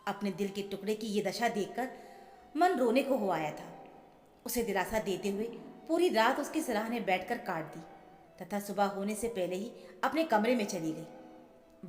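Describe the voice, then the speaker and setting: A woman telling a scripted emotional family story in an earnest, measured manner. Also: mid-range voice, expressive. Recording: echoey with long reverb, soft music. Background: soft background music.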